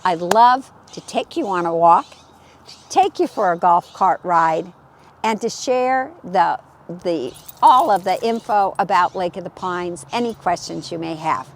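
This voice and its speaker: With a fairly low voice and lively intonation, a California real estate agent speaks a little slowly as she leads a casual walking tour of a lakeside community. Telling stories in a friendly, chatty way on an outdoor golf course trail by the lake, she's accompanied by slight background noise.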